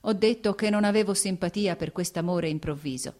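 A woman's voice: fairly low pitch, brisk, a little mellow, close to an everyday voice. Vronsky, a proud young officer, read by a woman. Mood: irritated. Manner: clipped, tense, holding back anger. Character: young male officer, proud, short-tempered yet restrained. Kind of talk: audiobook dialogue reading.

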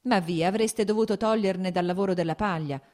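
A woman reading an audiobook, voicing an irritable male landowner who shouts exasperated questions at his steward. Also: mid-range voice, brisk, natural voice.

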